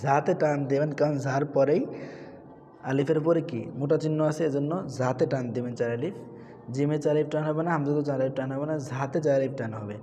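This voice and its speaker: A man teaching Quran reading, patiently spelling out letters and chanting the words in a raised, drawn-out voice. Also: medium pitch, fairly even intonation, dark tone. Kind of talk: spelling out and drilling Quran recitation. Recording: reverberant room with faint background noise.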